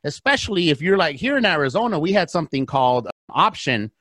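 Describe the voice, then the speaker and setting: A man talking through deals as a podcast guest, swinging from hushed asides to emphatic bursts. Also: fairly high pitch, sing-song, fast, dry recording. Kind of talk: casual podcast talk. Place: Arizona.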